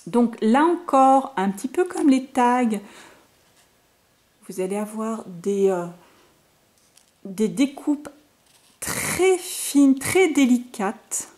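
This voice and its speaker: A woman's voice: fairly high pitch, big pitch swings, drawn-out words, long pauses, a little mellow. A French woman talking through a scrapbooking haul for her viewers, chatty and enthusiastic, with lots of fillers and restarts. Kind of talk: casual product haul talk to viewers.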